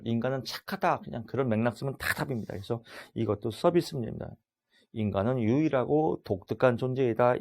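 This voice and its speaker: A middle-aged man giving an exam-prep lecture, loud and animated, acting out little dialogues as he teaches. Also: mid-range voice.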